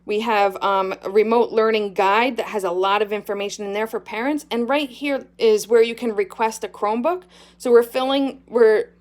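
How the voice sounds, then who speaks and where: Pupils and parents hear an earnest, upbeat morning video address from a woman speaking as their school principal. Her fairly high voice stays steady and slightly mellow, at a moderate pace.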